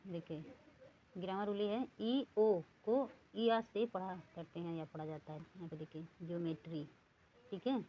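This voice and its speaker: A woman teaching English reading rules, saying words one at a time and repeating them slowly. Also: on the low side, muffled recording, a little hiss or hum. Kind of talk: lesson.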